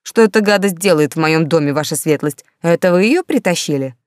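A woman's voice: lowish voice, animated, brisk, dry recording, clean studio sound, close to an everyday voice. A woman voicing a grumbling, irritable ghostly marquis in an audiobook.

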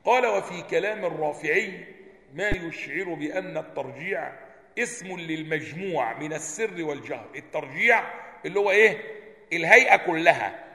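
A man's voice: a little high, animated, normal speed, bright, forceful tone. A man with an Egyptian Arabic accent teaches a religious lesson. He reads a classical text, explains it with questions to his students, and chants lines of the call to prayer to show how they sound. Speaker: sheikh teaching a hadith book. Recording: echoey hall with long reverb.

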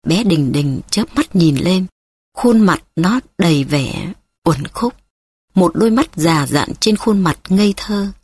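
Husky woman narrating a novel. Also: lowish voice, expressive, takes it slowly, darkish tone, no room sound, studio quality.

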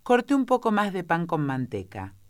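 A woman voicing a timid, flustered hatter in a storybook, pleading slowly. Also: lowish voice, huge pitch swings, dry recording, studio quality, voice pushed up. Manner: pleading, slow and stammering.

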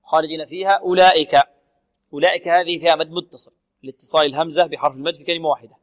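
Male recitation teacher, slightly high voice, drawn-out sounded letters, quick explanations, questions to the class, lingering reverb. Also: fairly even intonation, a bit bright. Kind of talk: tajweed lesson on radio.

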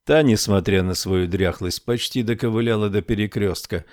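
A man narrating an audiobook in a measured storytelling way. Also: fairly low pitch, darkish tone, no room sound, studio quality. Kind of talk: scripted narration.

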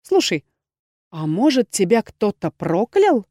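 A woman's voice: medium pitch, big pitch swings, slow, mellow, no echo, clean studio sound. A woman voicing a young female necromancer student who complains dramatically and theatrically. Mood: teasing. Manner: exasperated, theatrical lamenting. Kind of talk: audiobook character voice.

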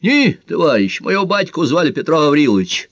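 A man's voice: fairly high pitch, sing-song, fairly quick, a bit bright, no room sound, lo-fi sound, voice pushed up. A man voicing a young male radio operator who sounds casual but slightly nervous in an audiobook. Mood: tense.

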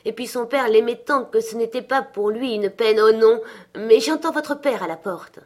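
A woman's voice: medium pitch, normal speed, voice pushed up, natural voice. A woman reading aloud gives voice to a grieving mother of a poor family, who speaks steadily while holding back sorrow. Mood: tender, grieving. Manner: steady voice with a thin cheerfulness.

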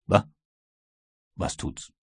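A male audiobook reader voicing a bold, unflappable American servant with a husky voice. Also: on the low side, expressive, normal speed, no echo, clean studio sound, full character voice. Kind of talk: audiobook reading.

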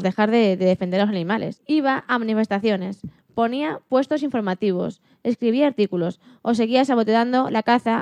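Playing a mother who is an animal liberation activist, a woman earnestly recounts her story in a staged radio interview, occasionally stumbling over words. She has a medium-pitched, creaky, warm voice close to everyday speech. The recording is muffled, with no room sound.

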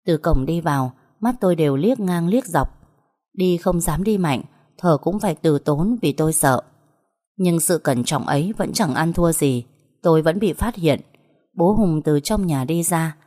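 A woman narrating a first-person story in a soft, earnest way. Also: sits low, expressive, moderate pace.

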